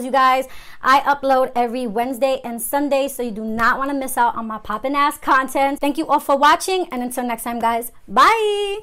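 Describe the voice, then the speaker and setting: A woman beauty vlogger talking casually to her viewers, gushing and excited, with lots of fillers and constant asides of "you guys.". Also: sits high. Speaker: beauty channel host. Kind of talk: casual on-camera intro and outro of a beauty vlog.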